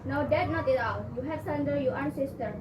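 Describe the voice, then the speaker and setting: A woman's voice: high-pitched, a little fast, natural voice. Girl doing angry king dad, indonesian accent, bossy, far and echoey. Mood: stern. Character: stern middle-aged male king, angry father. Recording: echoey room, distant mic, noisy.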